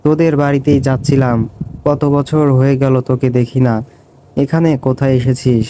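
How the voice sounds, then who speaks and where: A man's voice: medium pitch, flat delivery, normal speed, warm tone, a little hiss or hum, natural voice, poor audio. A man voicing a friendly young man greeting an old school friend.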